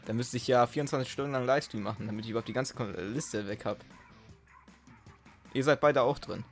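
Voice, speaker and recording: Excitable joking man hosting a game video. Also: medium pitch, fast, soft background music. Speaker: let's play host. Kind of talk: casual gaming commentary.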